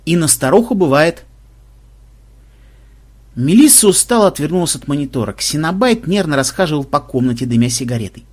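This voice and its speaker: A man reading a humorous story aloud as the narrator, in a lively, wry storytelling manner. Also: fairly high pitch, a little fast. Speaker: audiobook narrator. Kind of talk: scripted narration.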